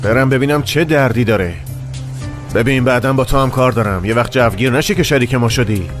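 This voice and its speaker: A man's voice: medium pitch, lightly acted. An actor dubbing a protective, hot-tempered young man in a TV drama. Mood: angry. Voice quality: forceful, protective. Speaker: lead hero in a dubbed TV drama. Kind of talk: dubbed TV drama acting. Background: background music.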